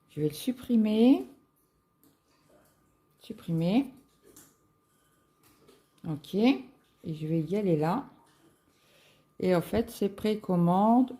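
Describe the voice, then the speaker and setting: A woman chatting casually as a cross-stitch vlogger, musing aloud with halting fillers as she browses shops online. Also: medium pitch, expressive, warm tone. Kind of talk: casual screen-share chat.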